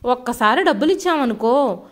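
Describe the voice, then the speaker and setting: A woman's voice: sits high, animated, normal speed. Woman doing a scornful angry young son. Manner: harsh, scornful. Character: arrogant, angry young office-worker son.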